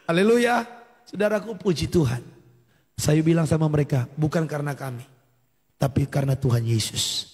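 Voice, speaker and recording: A man preaching with a husky, slightly high voice that rings in a long hall reverb. He tells his story animatedly, acting out the dialogue and breaking into hallelujahs, like a pastor at a church service. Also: fairly quick, a little mellow. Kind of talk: sermon testimony at a morning prayer service.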